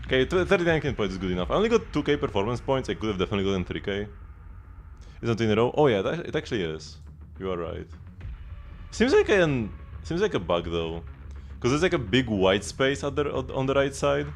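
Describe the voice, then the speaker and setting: A man's voice: mid-range voice, very animated, fast, faint music behind. Rambling male game streamer. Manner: rambling, restarts often, explains strategy. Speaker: livestreamer. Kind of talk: casual game commentary.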